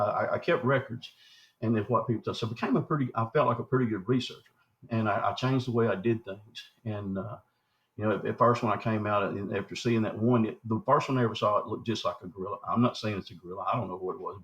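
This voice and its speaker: A man, telling long folksy stories in an interview. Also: fairly low pitch. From southwestern Arkansas. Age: 60s. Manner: folksy, acts out quoted dialogue. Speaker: guest, Bigfoot researcher. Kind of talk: rambling storytelling interview. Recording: dull lo-fi recording.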